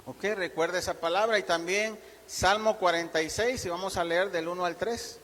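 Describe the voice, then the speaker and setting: A man preaching a sermon as pastor, emphatic and slowing down to dictate his main points. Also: high-pitched, a bit bright. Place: church sanctuary. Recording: long church hall reverb.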